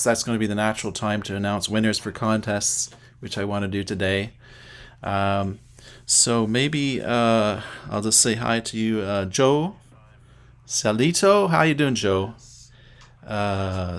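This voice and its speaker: Lowish, unhurried and clean in tone, this middle-aged man from Canada runs a relaxed livestream. Greeting viewers by name, he talks through his thoughts as he gets things set up.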